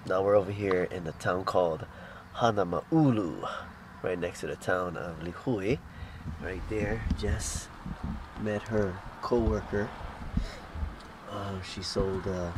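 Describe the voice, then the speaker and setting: A middle-aged man vlogs casually from inside a noisy truck in a lowish voice. He is sick, with a blocked nose, sore throat and audible mouth breathing. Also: slow, long pauses. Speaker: vlogger. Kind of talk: casual vlog chat to viewers. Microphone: handheld camera at arm's length. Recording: noisy vehicle interior.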